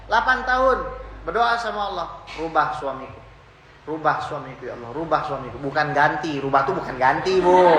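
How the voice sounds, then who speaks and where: A male preacher with a bright, somewhat high voice speaks in a casual, teasing style as he tells stories to a live audience. The talk is recorded live in an echoey hall, with faint noise underneath. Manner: conversational, teasing, storytelling, addresses women in audience.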